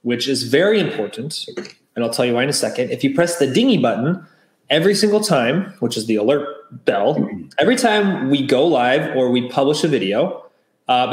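A man co-hosting a podcast, chatting casually and plugging the channel with enthusiasm. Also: medium pitch. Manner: upbeat, promotional. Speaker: podcast co-host. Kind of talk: casual chat. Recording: roomy echo.

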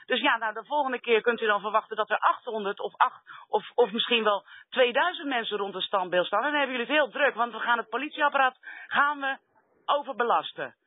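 A woman's voice: on the high side, a little fast. A woman arguing insistently and confrontationally as an activist caller making a heated complaint over a landline phone. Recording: roomy, tinny telephone line.

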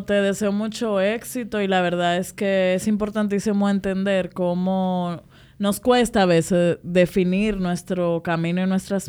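A woman's voice: on the low side, darkish tone, smooth. A woman hosting a podcast, encouraging her guest with frequent affirming interjections. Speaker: podcast host. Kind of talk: casual interview conversation.

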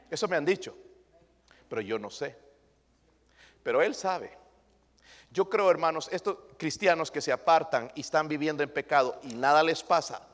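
A man's voice: fairly high pitch, a bit bright. Emphatic male pastor preaching in a reverberant hall. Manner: emphatic preaching with rhetorical questions to the congregation. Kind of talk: sermon.

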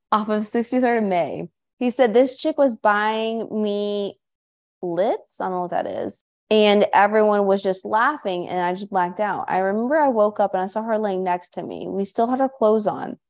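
A woman co-hosting a podcast in a studio, talking in a loose, chatty way. She reads listener stories aloud and breaks in with her own quick asides. Her pitch is in the middle range for a woman. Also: a little mellow. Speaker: podcast co-host. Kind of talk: casual podcast chat.

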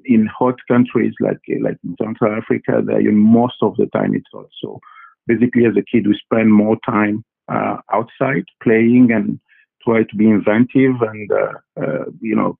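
A man who grew up in Congo answers students' questions in a halting way, full of fillers and repeated words. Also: lowish voice, gravelly, husky. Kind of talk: casual interview answers. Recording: tinny phone-like line.

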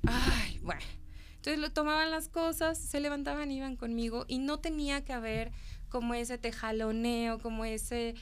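A woman's voice: high-pitched, fairly even intonation, normal speed, smooth. A middle-aged woman psychologist chatting casually, animatedly telling a story and acting out the voices of the people in it. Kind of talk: casual conversational talk.

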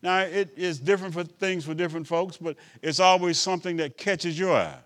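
A man preaching a sermon as a bishop, his voice sitting fairly high for a man. He checks in with the congregation, rises for emphasis, then drops into quiet asides. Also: brisk. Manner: preaching with call-and-response asides; swings between loud emphasis and quiet asides.

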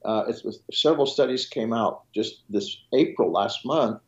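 Speaking a little slowly, this medium-pitched man comes through on lo-fi sound. A physician whose first language is French, he's a podcast interview guest who explains by listing items as he goes and frequently starting over.

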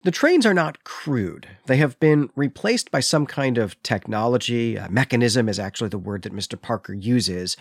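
In a dry, studio-quality recording, a husky-voiced man of medium pitch co-hosts a podcast. He offers conversational literary recap and commentary, retelling and explaining the story with light amusement.

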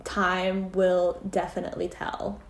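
A woman's voice: lowish voice, monotone, slow, vocal fry. A young woman hosting a podcast, telling a story in casual chat with many "like" fillers. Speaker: podcast host. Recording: roomy echo.

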